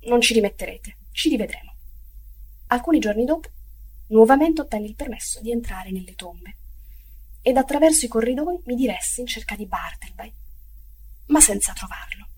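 A woman narrating a literary audiobook in a measured, grave, soft-spoken way. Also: on the high side, animated, husky.

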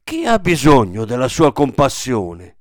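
A man's voice: mid-range voice, wildly swooping pitch, unhurried, no echo, studio quality. A man voicing a bitter, grumbling aging shopkeeper in a dramatic radio reading.

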